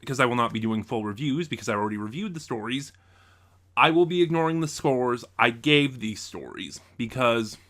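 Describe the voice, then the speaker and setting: A man with a bright, forceful, medium-pitched voice hosts a casual review video on his channel. He talks straight to the audience in a conversational, opinionated way.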